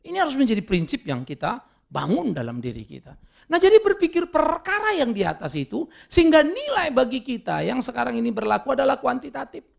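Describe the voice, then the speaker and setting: Gravelly, animated male preacher. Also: extremely high pitch, brisk. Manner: animated preaching with dramatic voiced quotes; mixes in English words. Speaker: pastor. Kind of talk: sermon.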